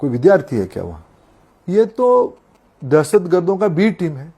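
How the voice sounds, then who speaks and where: Man with a gravelly, husky voice giving a scornful political speech. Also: fairly high pitch, wildly swooping pitch, moderate pace, mellow. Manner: scornful, accusing.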